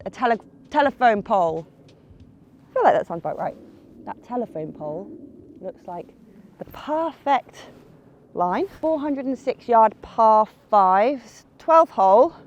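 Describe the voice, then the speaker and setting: A woman's voice: fairly high pitch, darkish tone, dull audio, slight background noise. A young woman narrating her own golf round outdoors, chatty and self-mocking, talking herself through each shot. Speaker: golf vlogger. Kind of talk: casual running commentary while playing golf.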